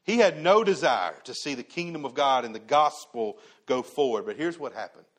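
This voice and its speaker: A man preaching a sermon to his church, animated, asking rhetorical questions and dropping from loud bursts to hushed tones. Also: medium pitch, normal speed. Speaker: pastor.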